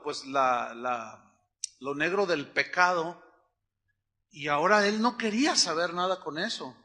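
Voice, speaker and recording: A man delivers a lively sermon in a high, very bright voice. He acts out little everyday scenes and swings between loud, emphatic lines and quiet, low asides. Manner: animated preaching, acts out little dialogues, swings from loud to hushed. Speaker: pastor.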